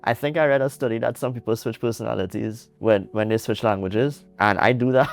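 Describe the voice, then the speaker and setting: A man's voice: mid-range voice, fairly even intonation, fairly quick, vocal fry, faint music behind. A young Trinidadian man, a guest in an interview, telling his story earnestly with restarts and light laughs. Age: young adult. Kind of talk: casual interview.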